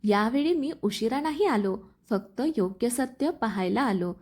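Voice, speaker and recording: A woman voicing a calm, quietly sad young man in a storybook tale. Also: on the high side, measured pace. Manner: quiet, gentle.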